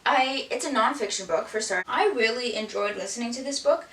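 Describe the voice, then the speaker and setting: A woman talks casually through her recent reads, rambling along with a steady stream of "like." Her voice sits a little high. It reaches the mic from a few steps away in an echoey room, with a faint hiss behind it. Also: fairly quick, recorded from a distance. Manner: rambling, frequent "like" fillers. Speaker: book vlogger. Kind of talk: casual book review chat.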